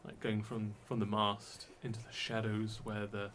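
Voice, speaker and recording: A man running a tabletop game as dungeon master, narrating in a relaxed way with many fillers. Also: on the low side, normal speed, slight background noise.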